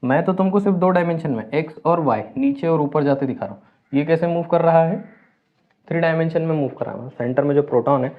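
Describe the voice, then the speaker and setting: A man's voice: on the high side, expressive, fast talker. A man teaching a chemistry lecture, explaining step by step, asking and answering his own questions, and mixing English terms into his talk. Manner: mixes English terms into speech. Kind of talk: classroom lecture. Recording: tinny phone-like sound.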